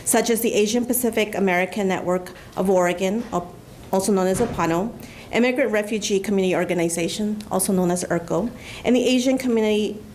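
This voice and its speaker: A woman's voice: medium pitch, darkish tone. Woman presenter reading award citation, mid voice, faint room noise. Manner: reads formally, stumbles and laughs at slips. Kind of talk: formal read-out award citation. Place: government ceremony room.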